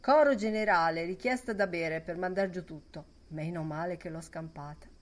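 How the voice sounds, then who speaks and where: A woman's voice: lowish voice, moderate pace. A woman reading a novel aloud as an audiobook narrator, in lyrical, fragmented phrasing.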